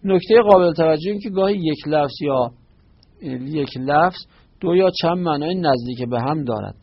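A man with a gravelly, husky voice teaches a religious lesson in a patient, explanatory way. He quotes short Arabic phrases and then glosses each one, often breaking off mid-word to correct himself. The recording sounds dull and lo-fi. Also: fairly high pitch. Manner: restarts and self-corrections.

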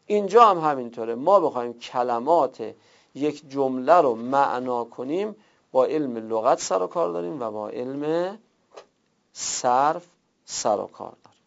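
A man's voice: medium pitch, expressive, vocal fry. A man teaching a class, explaining step by step with worked examples and rhetorical questions. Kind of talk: classroom lecture. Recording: dull lo-fi recording.

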